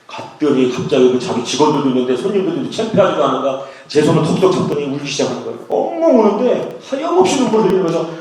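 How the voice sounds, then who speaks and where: A man's voice: on the high side, big pitch swings, very fast, few pauses, a little mellow. A man preaching a sermon and telling a personal testimony, acting out the prayers and voices in his story. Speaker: pastor. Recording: echoey hall from far off.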